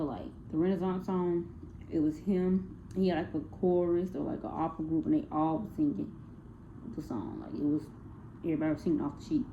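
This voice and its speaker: A young woman giving a casual spoken class presentation on a music project, hesitant, with many fillers and self-corrections. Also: sits low. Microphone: phone. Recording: tinny phone-like recording with faint noise.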